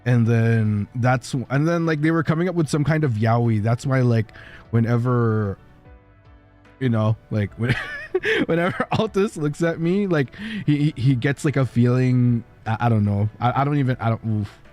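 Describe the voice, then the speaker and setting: This livestream features a male streamer rambling casually with many fillers and frequent laughs, faint music underneath. His voice is medium in pitch and darkish in tone, at normal speed.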